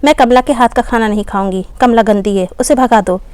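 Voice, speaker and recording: A woman's voice: a little high, a little fast, a little mellow, clean tone, no echo, close to an everyday voice. A woman voicing an elderly mother who sulks and pleads like a small child. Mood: childish, sulky.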